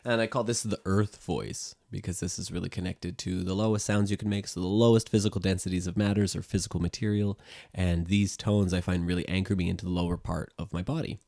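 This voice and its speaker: Deep-voiced man calmly teaching sound healing. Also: brisk, creaky, dry recording, clean studio sound. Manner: calm, gentle explaining with frequent "you know" and "um". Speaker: music teacher and sound therapist. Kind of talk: guided sound-healing lesson.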